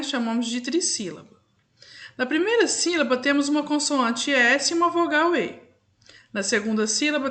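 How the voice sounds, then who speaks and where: A woman teacher with a somewhat high-pitched voice, walking young pupils through a recorded lesson. She takes it patiently, one step at a time, and keeps pausing to check that the class is following. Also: fairly bright tone. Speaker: primary school teacher.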